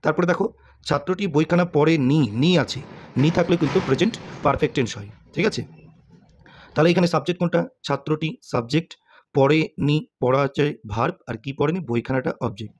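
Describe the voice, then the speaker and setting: A man's voice: on the high side, quick pace. A man teaching English grammar to students, asking questions and answering them himself, with frequent "okay?" check-ins.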